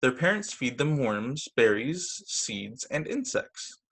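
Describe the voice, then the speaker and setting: A man with a mid-range, gravelly voice teaches little kids by reading a story aloud over a video call microphone, his phrasing deliberate and expressive.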